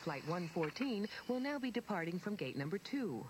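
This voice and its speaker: Gate announcer over a chime-led PA. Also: female voice, lowish voice, background noise. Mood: formal. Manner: calm, formal, measured delivery. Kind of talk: scripted terminal announcements.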